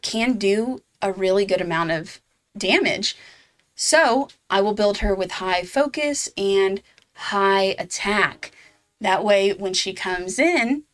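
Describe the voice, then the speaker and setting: With a slightly bright, mid-range voice, a woman hosts a game guide on her gaming channel. She keeps it casual and chatty, with fillers and the odd laugh at her own expense.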